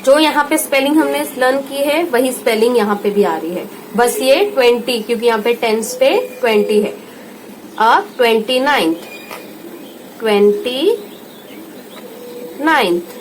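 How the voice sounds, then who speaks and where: An Indian woman tutor giving a home lesson, slowly repeating each word and checking in with her listener. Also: on the high side, a little hiss or hum, rough recording. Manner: slow patient repetition, checks in with "theek hai".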